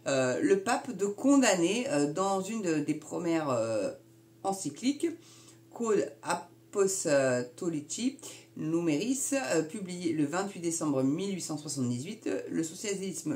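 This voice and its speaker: A woman's voice: on the low side, a little mellow. A woman hosting her own video channel, giving a casual talk from her notes with many fillers and self-corrections, and chatty asides to viewers. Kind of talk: casual explainer reading from notes.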